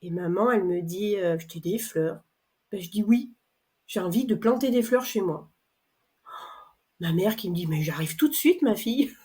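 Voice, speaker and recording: A middle-aged French woman telling her own story in a chatty, animated way, acting out conversations with many fillers. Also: mid-range voice, moderate pace, long pauses. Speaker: customer testimonial speaker. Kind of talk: personal testimony, casual storytelling.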